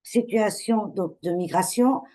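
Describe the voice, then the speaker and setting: A woman's voice: medium pitch, a little slow, dark tone. A woman trainer giving a webinar lecture to teachers, hesitant, with many fillers and repeated words.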